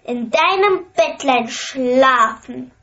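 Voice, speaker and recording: A small talking frog from a storybook, played by a woman, pleading in a drawn-out, high, bright voice. Each word comes very slowly. The recording sounds a little dull. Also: lively intonation, full character voice.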